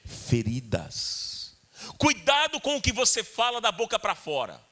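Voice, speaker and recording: Bright, lively Brazilian pastor preaching. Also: male voice, extremely high pitch, a little fast. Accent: Brazilian Portuguese. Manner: earnest, repetitive, addresses congregation directly. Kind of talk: sermon. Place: church.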